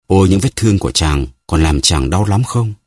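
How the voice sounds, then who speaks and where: A man voicing a scheming, seductive noblewoman who speaks softly and tenderly in an audiobook. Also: deep voice, animated, brisk, no room sound, clean studio sound. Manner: soft, cooing, pleading.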